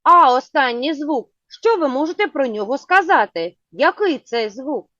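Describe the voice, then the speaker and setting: A woman teaching a children's phonics lesson, asking patient, clearly spoken questions. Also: high voice, lively intonation, moderate pace, bright, forceful tone, no room sound. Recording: dull lo-fi sound.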